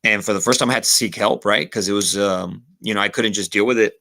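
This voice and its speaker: His voice is fairly low, bright and forceful with vocal fry, delivered at a quick pace and with fairly even intonation. A man in his thirties and a former college football kicker, he's a guest on a casual podcast, reflecting in a Texas Rio Grande Valley accent, filling gaps with "you know" and dropping into Spanish phrases.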